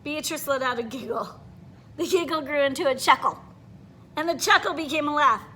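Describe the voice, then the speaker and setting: A woman reading a children's picture book aloud in an expressive, animated way, pausing to put questions to her listeners. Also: high-pitched, slight background noise. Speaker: read-aloud storyteller.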